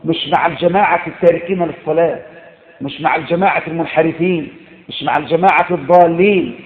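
Emphatic Egyptian preacher, echoey lo-fi recording. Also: male voice. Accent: Egyptian Arabic. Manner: emphatic, repeating phrases, swinging between loud exhortation and low intensity. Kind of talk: sermon.

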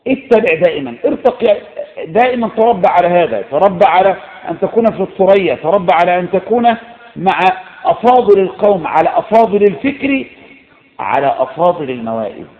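A man with an Egyptian Arabic accent preaching a sermon, emphatic and repetitive, swinging between loud exhortation and low, intense tones. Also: sing-song, brisk. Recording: echoey, phone-like lo-fi recording.

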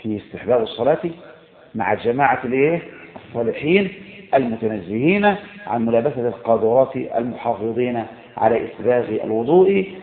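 A man with an Egyptian Arabic accent preaching a sermon, emphatic and repetitive, swinging between loud exhortation and low, intense tones. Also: animated, a little fast. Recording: echoey, phone-like lo-fi recording.

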